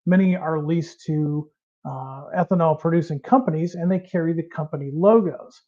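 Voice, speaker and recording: A man's voice: fairly high pitch, moderate pace, warm tone, lo-fi sound. A middle-aged man from Central Illinois, hosting a live model train show in a folksy, chatty way, his voice a little strained from allergies. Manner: folksy, chatty, reads out viewer names. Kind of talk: casual live-stream hosting.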